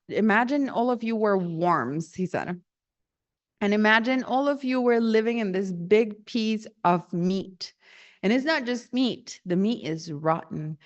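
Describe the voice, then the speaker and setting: A woman's voice: medium pitch, muffled recording. A woman telling a personal story in a casual way, laughing often and acting out the dialogue she quotes.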